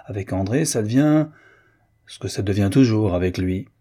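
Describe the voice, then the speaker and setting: A man's voice: lowish voice, expressive, moderate pace, warm tone, breathy edge. A man voicing a chatty, teasing aristocratic Parisian woman in an audiobook, with a mocking, gossiping manner. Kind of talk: audiobook reading.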